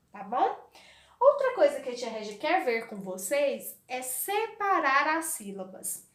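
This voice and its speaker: A Brazilian Portuguese woman gives a literacy lesson to young children. Her voice sits high and swoops widely as she draws out each word slowly. She asks questions and answers them herself, and the room has a noticeable echo. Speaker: primary school teacher.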